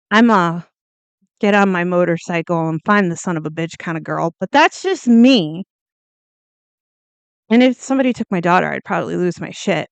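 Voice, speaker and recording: Blunt, chatty woman with a smooth, clear voice. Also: medium pitch, no echo. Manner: blunt, chatty, swears, goes off on tangents. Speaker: true crime video host. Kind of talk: casual true crime commentary.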